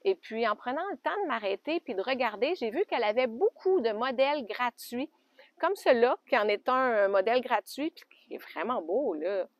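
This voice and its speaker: A woman with a Québécois French accent chatting casually in a knitting podcast, homey and loose, with soft laughs. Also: fairly high pitch, expressive, normal speed, dry recording. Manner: chatty, homey, often laughs softly and adds little fillers. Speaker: knitting podcaster and alpaca farmer. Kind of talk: casual show-and-tell chat. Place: outdoors by an alpaca pen.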